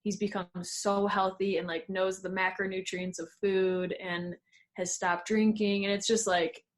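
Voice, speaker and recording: A young woman in her twenties speaks at a medium pitch with a level tone and measured pace. She's a fitness coach and former pro skier appearing as a podcast guest, chatting casually in an interview and using "like" a lot.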